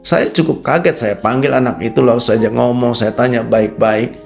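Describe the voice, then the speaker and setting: A man with an Indonesian accent preaching a radio sermon. He talks straight to his listeners and swings between low quiet asides and raised, emphatic peaks. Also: fairly even intonation, moderate pace, creaky, faint music behind. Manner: addresses listeners as "Saudara" constantly. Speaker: pastor. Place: radio studio.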